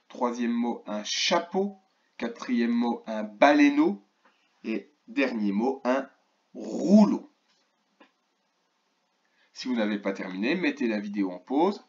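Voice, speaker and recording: A male teacher records a lesson for young children, stretching out each key word and pausing to ask the absent class questions. His voice sits in a middle range. The recording sounds dull and lo-fi. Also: mid-range voice. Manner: slow, clearly articulated, stretches key words. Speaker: primary school teacher. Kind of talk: remote lesson for first graders.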